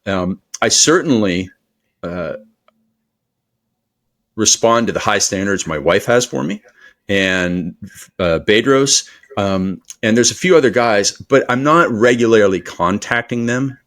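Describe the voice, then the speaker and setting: On a podcast where he is the interviewee, a performance coach talks with a fairly low voice, a little slowly. He wanders along with plenty of fillers, his tone upbeat and motivating.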